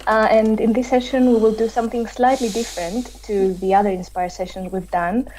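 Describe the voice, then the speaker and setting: A woman's voice: fairly high pitch, steady tone, fairly quick, a little mellow, slight background noise, low-quality recording. A woman hosting an online panel discussion over a video call, chatty with many fillers. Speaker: host.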